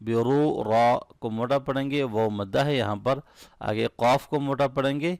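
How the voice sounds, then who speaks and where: A man with a smooth, resonant voice teaches recitation in a dry, close sound. He draws out each verse slowly and melodically. Between verses he drops lower and explains the rules briskly, often checking that the listener follows. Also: a little mellow, no room sound. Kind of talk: step-by-step recitation lesson.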